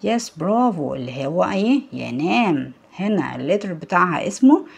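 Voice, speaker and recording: A woman's voice: lowish voice, big pitch swings, moderate pace, gravelly, breathy edge. A woman with an Egyptian Arabic accent teaching English to young pupils in a recorded lesson, quizzing them and praising their answers. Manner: asks the children questions and praises them. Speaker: primary school English teacher.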